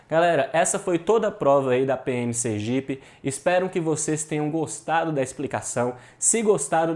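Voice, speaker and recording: Brazilian male teacher, slightly high voice, casual and forceful, exam-prep lecture. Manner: informal and emphatic, with slang and swearing; drills points by repeating them.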